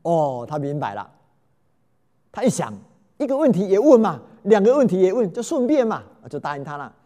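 A man's voice: sits high, normal speed. A man telling a folk tale, exclaiming often and quizzing his listeners. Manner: animated, exclamatory, asks listeners questions. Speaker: storyteller.

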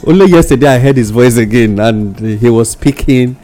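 A man's voice: medium pitch, normal speed, mellow, slight background noise. A Nigerian man giving casual, emphatic radio commentary in English mixed with Nigerian Pidgin, often repeating himself as he goes. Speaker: radio talk show panellist.

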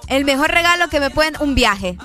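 A woman's voice: sits high, lively intonation, brisk, sharp tone, faint music behind. A woman co-hosting a show in a casual chat, teasing and laughing along. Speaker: radio show co-host.

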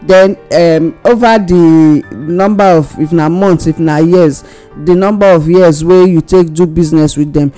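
A woman's voice: lowish voice, steady tone, unhurried, hardly any pauses, dark tone, soft background music. A woman with a Nigerian accent discussing the news casually in Nigerian Pidgin mixed with English, hesitant and repeating herself. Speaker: panelist on a news discussion show.

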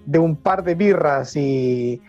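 A man from Uruguay, chatting in a relaxed, rambling way. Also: on the high side, takes it slowly, faint music behind. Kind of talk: casual conversation. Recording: slightly dull lo-fi sound.

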